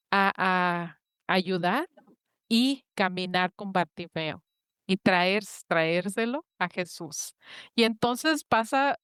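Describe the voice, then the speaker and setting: A woman talks earnestly in a faith-based interview, acting out the voices of people in the Bible stories she retells. Her voice is smooth and resonant at a middle pitch. The sound is dry and close. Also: a bit bright, no room sound.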